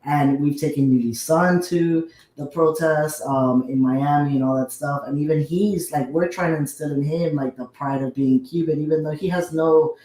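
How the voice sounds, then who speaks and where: Young man, eager guest, higher-pitched, echoey room sound. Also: fairly even intonation, warm tone. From United States. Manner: eager, talks in rushes with many restarts. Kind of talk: casual conversation. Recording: roomy echo.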